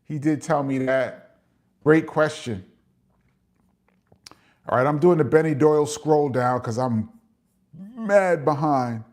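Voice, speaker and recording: Middle-aged New York man, host of a loose live Q&A; slightly high-set voice, easygoing, chatty delivery with lots of fillers. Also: slow, long pauses, darkish tone. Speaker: host reading live chat questions. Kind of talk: casual live chat and Q&A.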